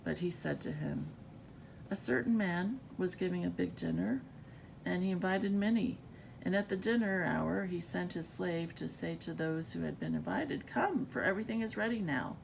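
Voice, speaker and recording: A woman's voice: lively intonation, moderate pace, rough recording. A woman with a groggy, just-woke-up morning voice, reading scripture aloud in an informal way. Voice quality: gravelly, creaky. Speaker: scripture reader. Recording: rumbly background noise.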